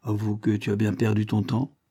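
A man's voice: on the low side, completely flat delivery, normal speed, dark tone, natural voice. A man voicing Michel, an earnest, worried friend who pleads solemnly and gets worked up, in a read-aloud novel.

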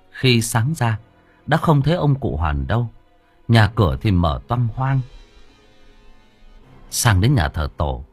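A man narrating an audio story with a dramatic, expressive storytelling manner. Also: fairly low pitch, slightly rough.

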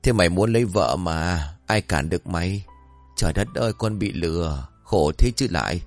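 A loud, boastful old drunkard who bickers and swears at his pupils, as a male storyteller puts him on. His deep voice swings widely up and down, and a faint tune runs behind. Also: lively intonation, moderate pace, soft background music. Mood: grumbling.

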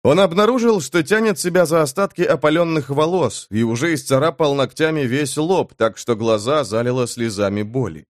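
Guy reading a fantasy audiobook, expressive, dry close mic. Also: a little high, moderate pace, hardly any pauses, dry recording. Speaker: audiobook narrator. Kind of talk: scripted narration.

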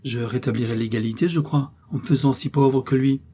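A man's voice: mid-range voice, fairly even intonation, fairly quick, dark tone, a little hiss or hum, close to an everyday voice. A man voicing a proud, headstrong young woman in a classic novel read aloud, speaking in a firm, formal way. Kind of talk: audiobook character reading.

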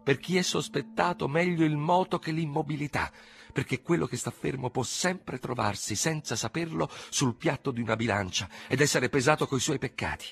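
Bloch, shrill and aggrieved. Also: male voice, normal speed, gravelly, fairly bright tone, slightly rough, heavily acted. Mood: indignant. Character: cringing man defendant turned indignant. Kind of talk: audiobook character voice.

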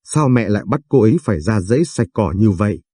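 A spineless young husband, voiced by a male narrator pushes back half-heartedly, irritated but meek. His low, dark voice carries a husky edge in a dry, close recording. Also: animated, fast, dry recording. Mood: protesting. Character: weak young husband, torn between mother and wife.

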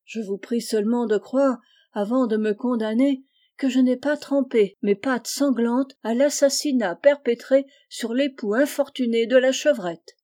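A woman voicing a sly old wolf who sobs and flatters in a loud, declamatory way. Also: on the high side, a little slow, voice pushed up, close to an everyday voice. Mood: fawning. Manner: fawning, tearful, declamatory.

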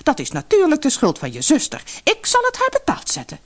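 A woman voicing a shrill, scolding, greedy peasant mother in a storybook reading. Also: wildly swooping pitch, quick pace, breathy edge.

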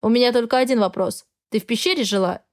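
A woman voicing a cold, arrogant male dragon husband who speaks in a flat, indifferent tone. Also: on the high side, quick pace, natural voice.

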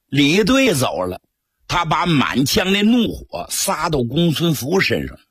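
Husky, animated male storyteller. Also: a little high, measured pace, no room sound, clean studio sound. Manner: animated, acts out voices. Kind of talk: traditional storytelling on radio.

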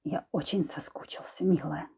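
A woman's voice: dark tone, breathy edge. A woman doing a smug, menacing husband. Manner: low, slow, insinuating menace. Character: menacing controlling husband, grown man, smug and cruel. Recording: dull lo-fi recording.

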